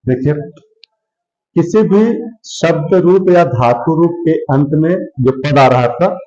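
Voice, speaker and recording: Slow-speaking man teaching grammar. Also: a little high, warm tone, highs cut off. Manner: slow, repeats words, asks and answers his own questions. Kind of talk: blackboard grammar lesson.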